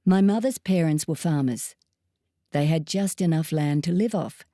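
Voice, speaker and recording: Female narrator, lowish mellow voice, dry close recording, measured memoir reading. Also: no echo. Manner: measured, steady storytelling. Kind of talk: scripted first-person narration.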